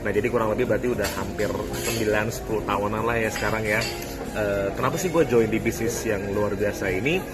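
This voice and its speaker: A man's voice: on the low side, fast, loud music behind the voice. A man in his thirties giving a casual, slangy recruiting testimonial with breezy confidence. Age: 30s. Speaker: insurance agent.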